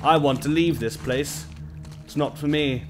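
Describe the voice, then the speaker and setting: A man's voice: on the high side, fairly even intonation, measured pace. A young man giving nervous, scared horror game streamer reactions, casual and joking with plenty of swearing. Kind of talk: reactive gameplay commentary, casual. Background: game music and sound.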